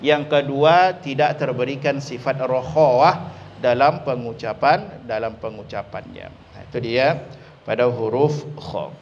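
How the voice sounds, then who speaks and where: A man teaching Quran recitation, explaining letter sounds slowly and leading drills for students to repeat. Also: mid-range voice, dull audio, a little hiss or hum. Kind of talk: tajwid lesson.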